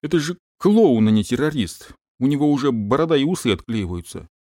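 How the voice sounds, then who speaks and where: Expressive male audiobook narrator. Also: medium pitch, fairly quick, no room sound, clean studio sound. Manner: expressive storytelling with lively voiced dialogue.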